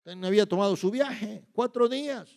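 A man's voice: high-pitched, a little fast, creaky. A man preaching a sermon in emphatic bursts, often repeating himself and checking with listeners. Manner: emphatic, shifts between loud and quiet. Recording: long hall reverb.

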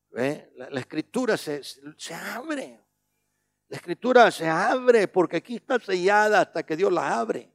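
A male preacher giving a sermon, who keeps asking "¿ve?", slows down on key words and swings between loud emphatic lines and quiet low asides. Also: creaky. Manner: repeats a questioning "¿ve?" between points.

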